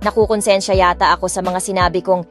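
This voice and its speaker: Speaking quickly in a fairly low, flat voice, this female audiobook narrator voices a spoiled and defiant wealthy young woman in first person. She reads with expression while blending English phrases into Tagalog, captured on a dry close mic over quiet music.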